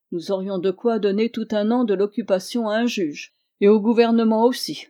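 A woman reading a brisk, wry male journalist. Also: medium pitch, dark tone, natural voice.

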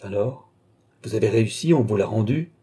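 A man voicing an excitable, blustering middle-aged collector who gets flustered, in a read-aloud story. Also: normal speed, husky. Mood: urgent. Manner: loud, flustered and rumbling.

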